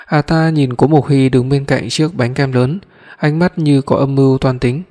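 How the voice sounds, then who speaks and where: A man narrating a romance audiobook with a steady, even reading. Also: mid-range voice, normal speed. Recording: long hall reverb.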